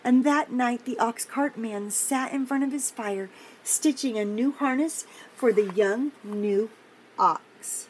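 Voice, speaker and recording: An older woman with a fairly high voice slowly reads a picture book aloud in an indoor home office, gently encouraging young children with chatty asides and questions as their story reader and host. Noticeable background noise fills the room, and the recording is low quality.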